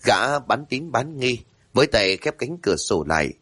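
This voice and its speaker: A man narrating a horror story in a suspenseful, measured way. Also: mid-range voice, very animated, fairly bright tone.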